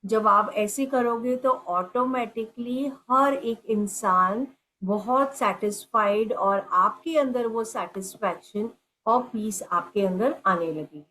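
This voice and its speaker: A middle-aged woman giving a gentle spiritual talk as a meditation teacher, slow and teacherly, full of everyday examples. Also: on the high side, slight background noise, rough recording. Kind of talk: spiritual talk mixing Hindi and English.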